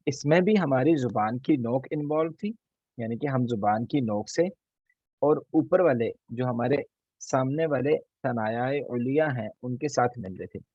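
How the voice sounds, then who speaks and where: A man teaching an online recitation class, patiently repeating each letter slowly so students can copy him. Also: medium pitch, lively intonation, a little mellow, husky, no echo, highs cut off. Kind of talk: online tajweed class lesson.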